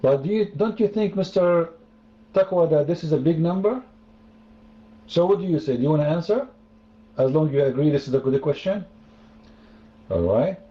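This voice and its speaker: A man's voice: a little high, moderate pace, long pauses, dark tone. A man hosting an online debate room, talking in a sarcastic, mocking way and repeating phrases for effect. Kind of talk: mocking religious debate talk. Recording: roomy, dull online voice chat.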